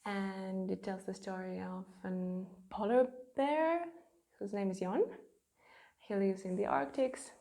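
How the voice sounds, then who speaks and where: A woman who speaks natively, talking gently and thoughtfully with frequent pauses in a casual vlog from her home studio. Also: mid-range voice, vocal fry. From Estonia. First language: Estonian. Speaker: children's book illustrator.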